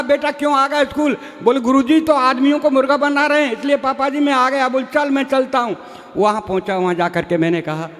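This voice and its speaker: Folksy man with a high voice, telling jokes on stage. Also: fairly bright tone. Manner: folksy, plays many characters in dialogue. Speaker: stage comedy poet. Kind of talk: comic storytelling at a live poetry show. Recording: live stage with long hall reverb.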